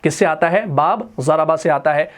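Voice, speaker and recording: A man's voice: on the high side, normal speed. A man teaching Quran grammar in a classroom style, often putting a question to the class and then answering it himself. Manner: repeats key terms as questions to the students. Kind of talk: classroom lesson.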